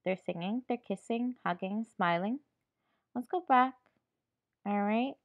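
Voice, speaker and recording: A woman teacher reads a picture book aloud to her class at an unhurried pace, patiently checking in with the children and often saying "all right." Her voice is medium-pitched, and the lo-fi recording sounds dull.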